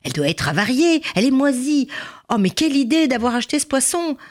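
A woman's voice: medium pitch, very animated, normal speed. A woman voicing a fretful housewife in a told story who scolds and complains fussily. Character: client's wife, fretful, disgusted housewife.

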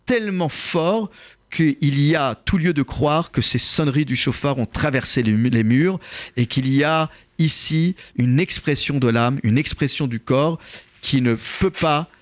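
A man hosting a radio talk show, explaining scripture in a measured, thoughtful way with frequent hesitations. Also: fairly high pitch, no echo.

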